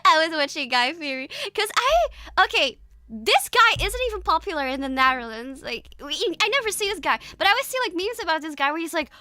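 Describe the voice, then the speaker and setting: A woman's voice: very high-pitched, big pitch swings, fairly quick, sharp tone, no echo. A woman streamer chatting casually while reacting to videos, giggly and laughing often.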